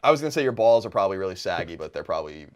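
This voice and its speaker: Fast, animated man in his thirties. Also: sits low, clear, resonant tone. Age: 30s. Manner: deadpan teasing banter. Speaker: co-host. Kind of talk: casual comedic chat.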